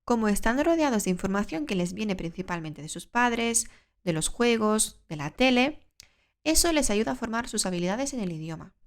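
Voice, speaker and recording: Clear-spoken woman teaching Spanish. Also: mid-range voice, animated. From Spain. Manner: clear, measured explaining, asks the listener questions. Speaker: Spanish teacher and podcast host. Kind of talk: scripted podcast lesson for learners.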